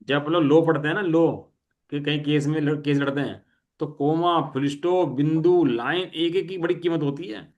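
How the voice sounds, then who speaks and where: A middle-aged man teaching a study class, reading definitions slowly and asking students to check their understanding. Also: fairly high pitch, fairly even intonation, muffled recording.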